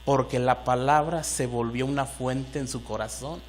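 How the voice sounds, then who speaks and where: In a church hall, a male pastor whose accent is Mexican Spanish delivers a sermon in a mid-range voice at a moderate pace. Though his intonation stays fairly even, he climbs into emphatic bursts and questions the room.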